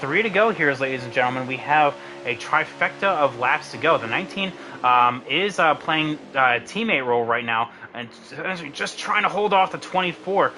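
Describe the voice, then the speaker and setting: A man's voice: fairly high pitch, normal speed, few pauses, a little hiss or hum. A young man with a sick voice giving casual, filler-heavy live commentary on an online sim race. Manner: casual, many fillers, excited at race finish.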